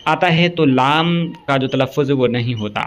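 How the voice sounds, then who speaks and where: A male teacher giving an exam-prep grammar lesson. He recites long lists item by item at an even pace and keeps checking in with a quick "okay". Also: mid-range voice.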